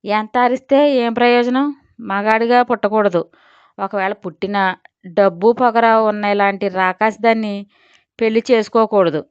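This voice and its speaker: A man's voice: high voice, steady tone, moderate pace, smooth, no echo, lightly acted. A woman voicing a vain, blustering middle-aged rich father who grumbles and scolds, in a Telugu audio story. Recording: dull lo-fi audio.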